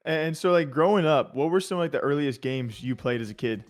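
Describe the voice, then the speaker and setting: A man co-hosting an interview, talking in an excitable, slangy way and swearing casually. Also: fairly high pitch, a little fast, faint music behind.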